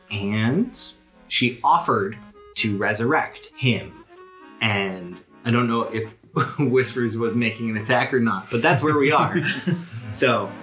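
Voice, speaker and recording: Narrating tabletop role-playing scenes and bantering easily with the players, this game master doubles as a podcast host. He speaks in a mid-range voice with a slightly bright quality.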